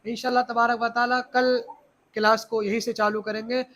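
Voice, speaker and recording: A man's voice: extremely high pitch, little pitch movement, normal speed, fairly bright tone. A male teacher explaining Arabic letters to a class of children, often asking them questions and repeating key points.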